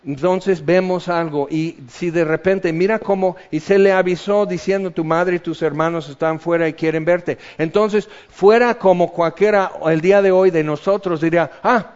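High-voiced preacher, lo-fi. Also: male voice. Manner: jokey, acts out little scenes in voices. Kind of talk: sermon. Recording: dull lo-fi sound.

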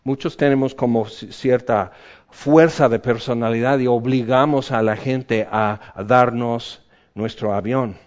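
A man preaching a sermon in a theatrical way, swinging between loud exclamations and quiet asides. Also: medium pitch, steady tone, a little slow, highs cut off.

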